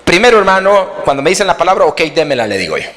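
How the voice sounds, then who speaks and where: A man's voice: sits high, fast. A pastor with a Salvadoran accent preaches in a church sanctuary, his raised voice swooping up and down as he jokes and keeps turning to the congregation. A long reverb from the hall trails after every phrase. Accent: Salvadoran Spanish. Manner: animated and joking, often calls out "hermano" to the congregation. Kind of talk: lively sermon.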